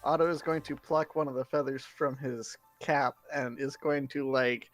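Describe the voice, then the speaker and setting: A man's voice: mid-range voice, fairly even intonation, normal speed, no echo, faint music behind. Playful male player. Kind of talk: tabletop role-play.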